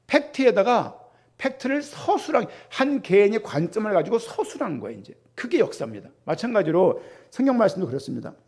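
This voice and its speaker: A middle-aged man preaching a sermon as pastor, talking in an animated way and putting rhetorical questions to the congregation. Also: high-pitched.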